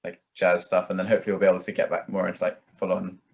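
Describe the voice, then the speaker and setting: Racing along in a low-pitched, darkish voice with a completely flat delivery, this young male musician chats casually as an interview guest. His speech rambles and hedges, packed with "like" and "kind of."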